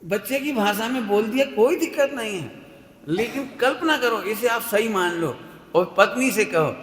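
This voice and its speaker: A man's voice: high voice, animated, normal speed, a bit bright. A middle-aged man giving a sermon as a preacher, playful and often asking the audience questions. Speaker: Jain preacher. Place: large hall with live audience. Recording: echoey hall reverb, faint noise.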